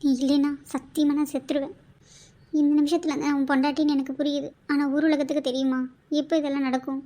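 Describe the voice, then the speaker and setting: A woman voicing an anxious, devoted young woman in love in a cartoon, speaking in a soft, heartfelt, pleading way. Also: sits high, level tone, quick pace, lightly acted. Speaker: voice actor. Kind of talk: cartoon voice acting.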